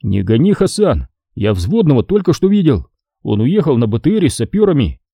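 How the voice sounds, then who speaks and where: A man's voice: mid-range voice, very animated, fairly quick, gravelly, dark tone, no echo, studio quality. A man voicing a cheeky, always hungry young soldier who talks while chewing and stays unbothered. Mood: sulky. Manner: talking with a full mouth, unbothered.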